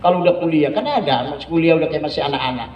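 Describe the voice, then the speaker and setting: A man's voice: on the high side, lively intonation, fast, a little hiss or hum. Male Islamic teacher trainer, joking lecture style, recorded from afar in a roomy hall. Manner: joking, often asks listeners "ya kan?". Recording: echoey room, distant dull mic.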